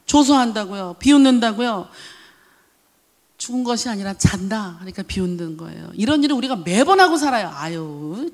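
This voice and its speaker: A woman pastor preaching a sermon with emphasis, asking the congregation questions and acting out quoted voices. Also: sits high. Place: church sanctuary. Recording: long church hall reverb.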